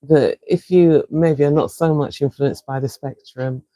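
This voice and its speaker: A woman with a South London accent, a wellness coach leading a live-streamed guided breathing session in a slow, soothing, encouraging way. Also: low voice, fairly even intonation, warm tone, dry recording, rough recording. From England.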